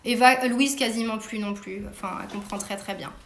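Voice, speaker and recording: A middle-aged woman hosting a casual live-stream from home, asking her daughter questions in a chatty way, full of fillers and quick laughs. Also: on the high side. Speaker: host interviewing her daughter. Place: home room. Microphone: phone. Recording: roomy echo.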